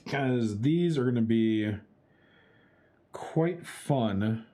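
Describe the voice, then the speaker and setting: A man's voice: mid-range voice, expressive, drawn-out words, dark tone. A young man streaming for charity, chatting with his chat while he works through a chopsticks challenge, narrating each step with playful exclamations. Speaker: charity livestreamer. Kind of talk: casual livestream chatter to chat.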